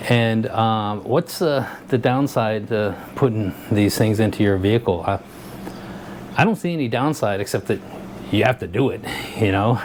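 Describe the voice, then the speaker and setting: A man's voice: lowish voice, normal speed, slight background noise. A man hosting his own channel, giving a rambling, easygoing product review full of filler words while standing by a vehicle. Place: by a vehicle, showing its lights.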